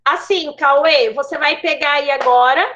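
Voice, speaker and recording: A woman's voice: high-pitched, a little slow, fairly bright tone. A middle-aged Brazilian woman teaching an online class, explaining patiently and checking in with her students. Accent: Brazilian Portuguese. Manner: explanatory, checks in with frequent tags. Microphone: video call. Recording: dull lo-fi call audio.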